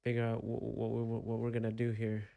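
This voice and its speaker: A man hosts a live trading stream from a home desk, thinking aloud and chatting easily with viewers. His voice is mellow and gravelly, with a bit of fry. The sound is dry and close, with no room echo. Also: medium pitch, monotone, fairly quick. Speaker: livestream trading host. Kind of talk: casual live market commentary. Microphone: desk microphone with webcam.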